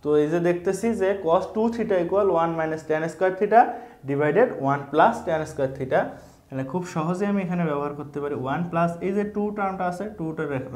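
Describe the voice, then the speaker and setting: A man's voice: a little high, darkish tone, roomy sound. A man with a Bangladeshi Bengali accent, an online math instructor, explaining a proof step by step and mixing English math terms into his talk.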